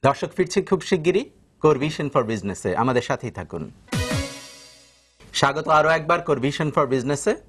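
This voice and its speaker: Formal TV host, slightly high. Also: male voice, animated, normal speed, pauses often, fairly bright tone, soft background music. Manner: formal, announcing. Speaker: show host. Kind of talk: scripted narration.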